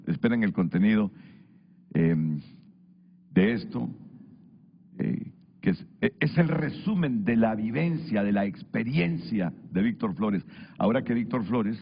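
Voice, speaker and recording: A man moderating a televised panel discussion, addressing viewers directly in an animated, promotional way. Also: on the low side, normal speed, slightly rough. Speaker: TV talk show moderator. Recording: dull lo-fi broadcast audio.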